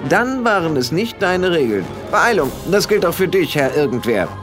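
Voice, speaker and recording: A man voicing a brisk, commanding old grandmother witch who speaks sharply and bossily. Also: on the high side, sing-song, over music, voice pushed up. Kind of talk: audiobook character voice.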